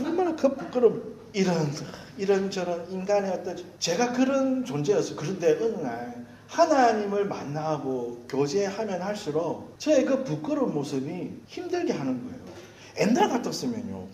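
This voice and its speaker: A man preaching, his fairly high voice leaping up and down as he spins candid, self-mocking stories from the pulpit. The sound rings around an echoey church hall. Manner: animated storytelling with candid, self-mocking anecdotes. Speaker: pastor. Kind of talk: sermon.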